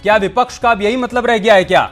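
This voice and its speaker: A man anchoring a TV news debate, forceful and scolding as he cuts in on his guests. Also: high voice, fairly even intonation, quick pace, faint music behind. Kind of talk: TV debate moderation.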